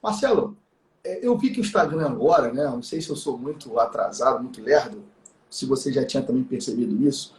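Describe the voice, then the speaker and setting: A man's voice: mid-range voice, lively intonation, fairly quick, a little mellow. A man chatting casually on a live stream as co-host, rambling with lots of fillers and tag questions. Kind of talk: casual chat. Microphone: live stream call mic. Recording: echoey room.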